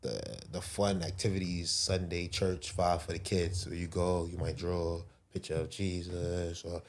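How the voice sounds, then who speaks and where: With a low voice and flat delivery at a moderate pace, a young Brooklyn entrepreneur in his twenties chats as a podcast guest. He keeps it loose, packing in slang, fillers and plenty of "bro."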